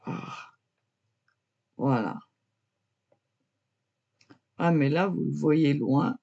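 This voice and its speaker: Low-pitched and extremely slow, her dark voice carries vocal fry, and the sound is lo-fi. An amateur artist, she casually talks through her drawing with plenty of hesitation, "voilà" and "euh," coughing and choking easily along the way.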